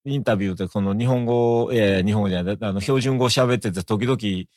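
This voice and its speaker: Low-voiced Osaka-accented man, dry sound. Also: fairly quick, darkish tone, dry recording. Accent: Osaka Japanese. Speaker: guest. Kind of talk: conversational interview.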